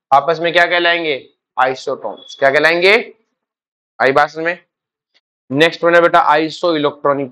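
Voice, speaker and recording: Male chemistry teacher, high bright voice, rapid-fire questions to students, answers them himself. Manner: quizzing students with repeated questions; calls students "beta". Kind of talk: classroom lecture.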